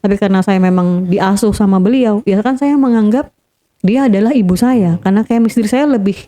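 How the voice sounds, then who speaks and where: Her voice is medium in pitch and dark in tone, and she talks briskly. As a guest, the woman tells a painful family story in earnest first-person detail, re-enacting what people said and repeating the main points to stress them.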